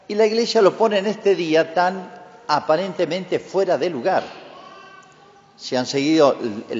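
Priest preaching in long cathedral echo. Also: male voice, a little high, darkish tone, highs cut off, slight background noise. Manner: didactic, asks and answers his own questions. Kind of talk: Gospel reading and explanatory homily. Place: large reverberant church.

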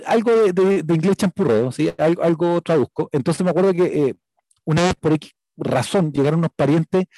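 A Chilean man preaches in an easy, talkative way, often asking his listeners "right?" as he goes. His voice sits a little high but sounds mellow and dark. The recording is dry and close. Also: dry recording, low-quality recording. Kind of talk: conversational sermon with a personal story.

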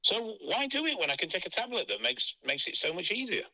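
Blunt guy on the phone, kinda tinny and sharp, just says it straight. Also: sits high, very animated, fairly quick. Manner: blunt, frank and matter-of-fact. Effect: heard over a phone line. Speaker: interviewee. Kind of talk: candid phone interview.

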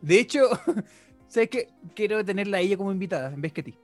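A young Chilean man hosts a casual podcast, teasing and laughing in a clearly high voice. His slangy talk sounds dry and close to the mic. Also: animated, quick pace, dry recording, faint music behind. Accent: Chilean Spanish. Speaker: podcast host.

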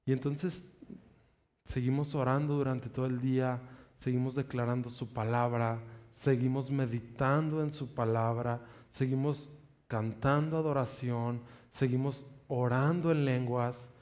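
Earnest preacher telling a testimony. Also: male voice, mid-range voice, fairly even intonation, a little mellow. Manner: earnest storytelling with emphatic, drawn-out declarations. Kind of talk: sermon with personal testimony.

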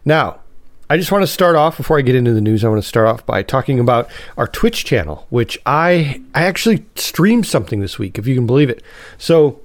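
Fairly quick and very animated, a man with a mid-range voice hosts a casual solo podcast while nasal from a cold. He rambles chattily and keeps correcting himself, and the recording carries no room sound.

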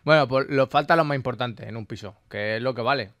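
A man co-hosting a comedy radio show, recorded close and dry with no room echo, his pitch in an ordinary middle range. He reads out notes and picks them apart in a relaxed, joking back-and-forth. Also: a little fast. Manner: reads out and jokes about notes. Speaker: radio co-host. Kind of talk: casual comic radio banter.

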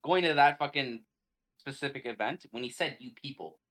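Casting: young male co-host, bright and forceful, teasing and quick to giggle. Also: mid-range voice. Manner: teasing, giggly, swears freely. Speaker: podcast co-host. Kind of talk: casual chat.

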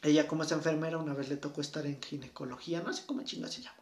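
Young man, Mexican accent, high voice, slangy and profane, roomy echo. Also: rapid-fire. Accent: Mexican Spanish. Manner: profane, slangy, animated storytelling. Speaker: conversation partner. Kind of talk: casual chat.

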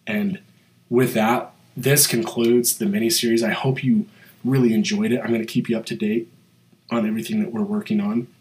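A man's voice: fairly low pitch, level tone, moderate pace, darkish tone, low-quality recording. A man hosting a podcast alone while he has a cold, so his voice sounds nasal, speaking in a motivational way with many fillers. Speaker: podcast host. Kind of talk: solo podcast monologue.

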